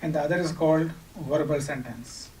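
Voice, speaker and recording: This male teacher, a native Urdu speaker with a Pakistani accent, talks fairly quickly in a mellow, fairly high-pitched voice. He lectures explanatorily, raising questions and then answering them, picked up by a distant microphone with noticeable background noise.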